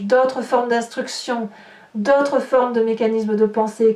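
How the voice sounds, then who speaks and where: Heard from afar in a room full of echo, a woman reads tarot in a chatty, comforting manner. Her pitch is fairly high and a little mellow, and she keeps restarting what she's saying.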